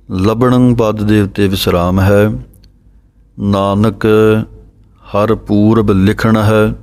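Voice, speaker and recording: A man teaching correct scripture recitation, spelling out letters and pauses in a careful, measured way. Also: lowish voice, darkish tone. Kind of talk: slow instructional recitation lesson.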